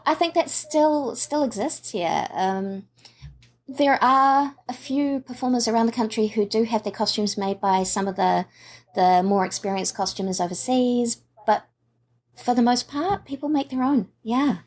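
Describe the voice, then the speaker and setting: A woman with a New Zealand accent, a costume maker talking in a casual, relaxed interview and often saying "yeah". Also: fairly high pitch, measured pace. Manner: relaxed, agreeable, frequent "yeah" affirmations.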